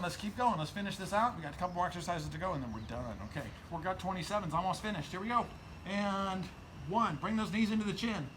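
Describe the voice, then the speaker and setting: A man's voice: sits high, a bit bright. A man in his forties working as a fitness trainer, giving casual, encouraging exercise instruction outdoors in a garden. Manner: encouraging, counts and cues. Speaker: fitness trainer hosting a workout video. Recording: outdoor recording with clear background noise.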